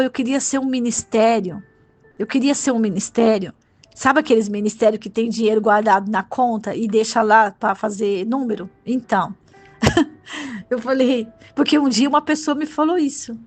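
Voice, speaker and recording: High-voiced fervent Brazilian woman preacher. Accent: Brazilian Portuguese. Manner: fervent, exclamatory, emotional. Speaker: bishop preacher. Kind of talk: sermon.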